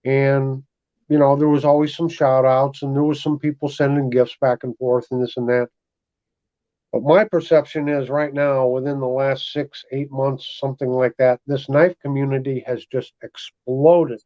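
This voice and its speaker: A man's voice: medium pitch, little pitch movement, moderate pace, dark tone. A man hosting a casual chat, talking in an easygoing, conversational way. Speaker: host. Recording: slightly dull audio.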